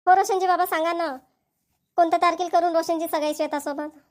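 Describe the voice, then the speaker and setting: A woman with a very high, steady voice speaks fast, playing a chatty, persuasive middle-aged mother in a cartoon family comedy. She uses a Varhadi Marathi accent and sounds coaxing and repetitive.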